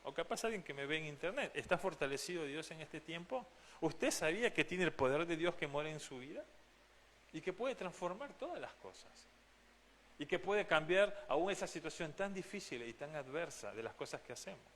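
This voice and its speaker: A man's voice: fairly high pitch, animated, normal speed, fairly bright tone, a little hiss or hum. A man from Argentina, preaching a sermon as pastor, earnest and direct, often asking the congregation questions. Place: church.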